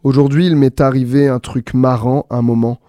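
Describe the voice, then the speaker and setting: A man's voice: medium pitch, normal speed, dry recording. A man hosting a reading show, chatting casually with fillers before reading texts and his own poems. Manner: relaxed, hesitant fillers, reading aloud. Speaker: host reading books and poems.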